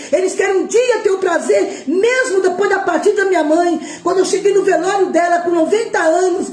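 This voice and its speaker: A middle-aged Brazilian woman preaching an emotional Pentecostal sermon, impassioned, shouting and tearful at times. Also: extremely high pitch, echoey room. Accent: Brazilian Portuguese.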